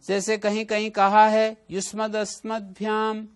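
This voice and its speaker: High-voiced man teaching grammar. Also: completely flat delivery, measured pace, smooth. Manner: explains with examples and asks the class questions. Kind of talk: classroom grammar lecture.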